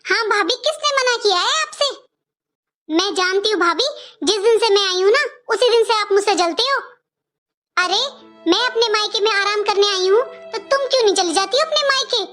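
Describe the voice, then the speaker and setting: A woman voicing a spoiled young married daughter in an animated cartoon, who talks in a taunting, sneering way. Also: extremely high pitch, moderate pace, faint music behind.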